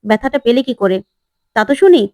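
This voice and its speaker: A woman voicing a defiant, sharp-tongued young woman in a retold TV serial, full of challenging questions. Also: a little high, animated, brisk, no room sound, lightly acted. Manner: challenging, sarcastic.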